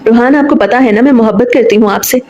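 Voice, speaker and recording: A jealous young rival from a romance storybook, pleading and demanding by turns, read by a woman narrator. Her voice runs fairly high. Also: quick pace, a little mellow, lo-fi sound, slight background noise, lightly acted. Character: jealous young woman office worker, pleading then threatening.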